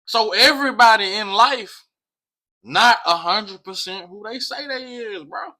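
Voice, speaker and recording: A man's voice: sits high, measured pace, sharp tone. An American man talking casually to viewers in an emphatic way, repeating phrases and swearing freely. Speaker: vlog host.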